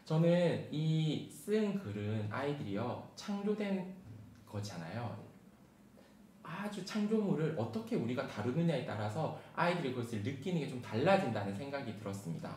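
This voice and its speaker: A man giving an online training lecture to teachers, talking quickly and reading a picture book aloud with lively emphasis. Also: medium pitch. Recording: roomy sound with faint background hiss.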